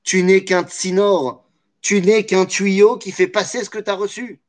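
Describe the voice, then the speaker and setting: A man's voice: sits high, flat delivery, measured pace. A man teaching a Torah study lesson, explaining with animation, weaving in Hebrew terms and jokey asides.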